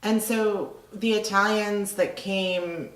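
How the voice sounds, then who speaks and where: A woman's voice: medium pitch, fairly even intonation, slow pace, roomy sound, low-quality recording. A middle-aged woman who owns a restaurant, talking casually in an interview, rambling and chatty with lots of fillers. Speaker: restaurant owner.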